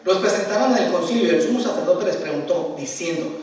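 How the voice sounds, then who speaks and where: A man preaching a sermon as pastor, telling the story in an animated way and acting out the scenes. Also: high voice, fast talker. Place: church sanctuary. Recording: echoey church hall from far off.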